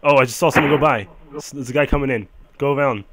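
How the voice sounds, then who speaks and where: Mafia boss played by a man, mid-pitched, offhand and halting, casually threatening, improvised game skit. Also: a bit bright, slight background noise, lightly acted. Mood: offhand commanding. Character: casually menacing male mafia boss hunting his money. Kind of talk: amateur improvised game role-play.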